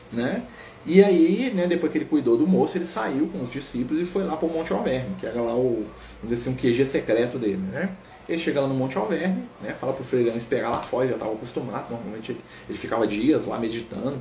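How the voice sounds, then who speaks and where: A man leads a spiritist study group, narrating a saint's life at a fast clip. He keeps checking in with "né?" and slips into the characters' voices for their dialogue. The room is echoey, with a faint hiss behind him. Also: medium pitch, mellow. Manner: storytelling, frequent "né?" tags, acts out dialogue. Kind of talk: informal spiritual lecture.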